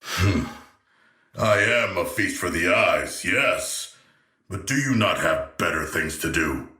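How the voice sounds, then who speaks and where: A man's voice: sits low, lively intonation, takes it slowly, pushed and bright, reverberant, heavily acted. An actor playing a huge, earnest and naive shark-man royal in a video game, speaking in stilted, formal and solemnly literal language. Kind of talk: scripted game character voice lines.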